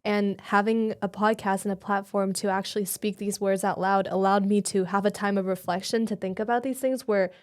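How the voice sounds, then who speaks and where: A woman's voice: mid-range voice, fairly even intonation, a little fast, hardly any pauses, a little mellow. A teenage girl co-hosting a podcast, chatting casually in a thoughtful, teasing way. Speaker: podcast co-host. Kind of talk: casual chat.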